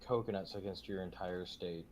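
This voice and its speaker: A woman's voice: rumbling low, steady tone, normal speed, darkish tone. A woman gamer on voice chat, bantering in a teasing, playful way. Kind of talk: casual voice chat.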